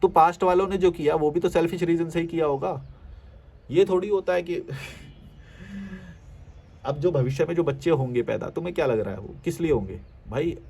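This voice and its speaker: A man holds forth in a casual rant aimed at his viewers' comments. His voice sits a little high, and he talks bluntly and mockingly, with coarse words and a steady stream of pointed rhetorical questions. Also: fast talker, vocal fry, hardly any pauses, a little hiss or hum. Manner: argues directly at the listener, rhetorical questions. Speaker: social media commentator.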